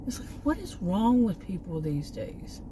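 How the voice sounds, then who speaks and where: Her medium-pitched voice is sing-song and unhurried as this middle-aged American vlogger from Texas rambles outdoors by a park. She trails off often, then loops back to her point, against a noisy background.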